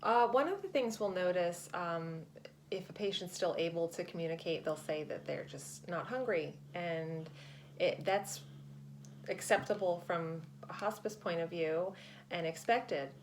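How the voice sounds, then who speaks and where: A woman explaining things in a measured, tactful way as a hospice nurse being interviewed. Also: fairly low pitch, slight background noise.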